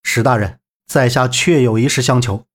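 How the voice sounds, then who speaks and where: A man's voice: a little high, lively intonation, moderate pace. A man voicing a confident young male swordsman in an audiobook, easygoing and teasing. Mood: earnest.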